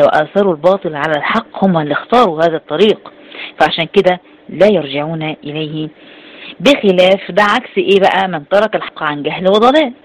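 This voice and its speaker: Animated Egyptian woman teaching scripture. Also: low-pitched, poor audio. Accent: Egyptian Arabic. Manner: animated, acts out quoted speakers. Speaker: Quran exegesis teacher. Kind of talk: religious lecture.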